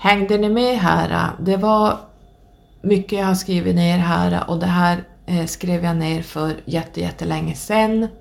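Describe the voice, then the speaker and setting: Gravelly low-voiced woman podcaster. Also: darkish tone. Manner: rambling, many hesitations and restarts. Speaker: podcast host. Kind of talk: casual podcast monologue.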